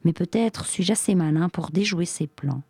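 A poor, quick-witted fisherman from a storybook, put on by a woman reader, speaking with sly scorn to outwit his captor. The tone is low and mellow, recorded dry and close. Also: gravelly, husky, dry recording. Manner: sly, scornful toward the genie. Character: poor clever male fisherman, wary and cunning. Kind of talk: storybook reading.

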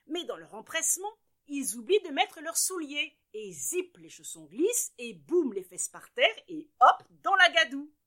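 A woman storyteller with a fairly high, bright voice, telling children's tales at a slow, relaxed pace. She is expressive and playful, bouncing on sound words.

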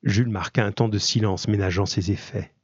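A man reading a novel aloud in steady, measured narration. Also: on the low side, breathy edge, no echo, highs cut off. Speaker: audiobook reader.

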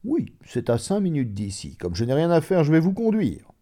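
A man's voice: a little high, wildly swooping pitch, normal speed, mellow, pitched above the performer's own voice. A man voicing a polite official. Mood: obliging.

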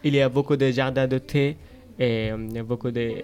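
A teenage boy from Bangladesh, answering interview questions in a learner's halting way with many fillers and restarts. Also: medium pitch, fairly even intonation, darkish tone, smooth. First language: Bengali. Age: teens. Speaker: interview guest. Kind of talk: school interview.

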